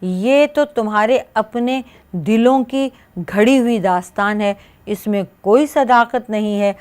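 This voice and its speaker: Woman quran teacher, clear smooth voice, recites a bit then explains it, verse by verse. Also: fairly high pitch, a little mellow. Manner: recites short scripture phrases, then explains each one in measured steps. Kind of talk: verse-by-verse scripture commentary.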